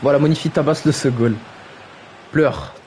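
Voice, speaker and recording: A man's voice: fairly high pitch, normal speed, darkish tone, slight background noise. A man commentating a video game football match on a stream, teasing players and reading chat with playful exclamations. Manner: jokey, mocks players' names, reads chat aloud, exclaims "aïe aïe". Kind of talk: playful live play-by-play commentary. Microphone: streaming microphone.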